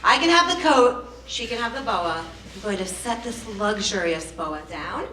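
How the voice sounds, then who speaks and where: A woman's voice: medium pitch, expressive, moderate pace, sharp tone, a little hiss or hum. A woman hosting a live burlesque show, chatting with the crowd in playful, teasing stage banter. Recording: echoey live venue, distant microphone.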